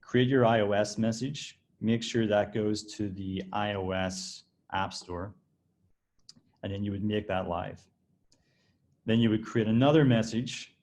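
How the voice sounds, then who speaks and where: Man, design director, casual screen-share demo voice, lowish pitch, easygoing and explanatory. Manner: relaxed, explanatory, with frequent restarts and fillers. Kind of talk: screen-share software walkthrough.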